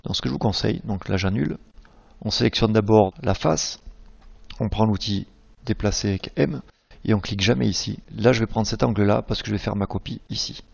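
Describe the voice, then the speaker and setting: A man teaching a screen-recorded software tutorial, patiently explaining each click step by step. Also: on the low side, a little fast, creaky, slightly rough, highs cut off.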